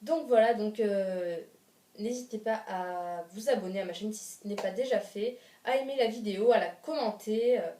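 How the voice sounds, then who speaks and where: Woman vlogger, chatty and rambling, dark tone, mic set back in a roomy space. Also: medium pitch, moderate pace. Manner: rambling, many fillers and restarts. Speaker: YouTuber. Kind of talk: casual FAQ vlog. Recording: roomy sound, from a distance.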